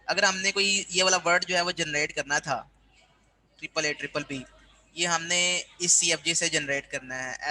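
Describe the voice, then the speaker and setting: Bright-voiced male lecturer. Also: a little high, rough recording. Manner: explanatory, keeps checking in with students. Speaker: university lecturer. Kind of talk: classroom lecture.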